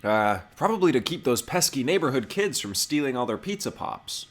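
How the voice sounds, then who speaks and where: This comedic reviewer, a man with a medium-pitched voice, swings his pitch widely at a moderate pace while narrating an episode summary. His scripted recap is sarcastic, mocking and wisecracking, and music plays underneath.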